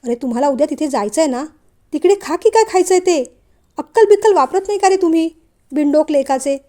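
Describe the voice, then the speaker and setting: A woman's voice: high voice, brisk, close to an everyday voice. A woman voicing a middle-aged father who is caring at heart but scolds his grown sons in a storybook reading. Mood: scolding. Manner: calm, then scolding.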